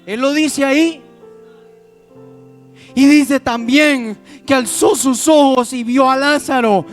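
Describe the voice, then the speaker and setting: A man preaching a pentecostal sermon, calling out to the congregation with questions. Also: very high-pitched. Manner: addresses the congregation as "iglesia", asks questions to the crowd. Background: instrumental music.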